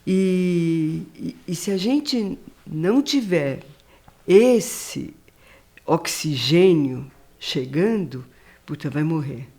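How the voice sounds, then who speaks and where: Slow, mellow-voiced Brazilian woman host. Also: low-pitched, animated. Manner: hesitant, searching for words, agreeing. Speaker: podcast host. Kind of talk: conversational podcast interview.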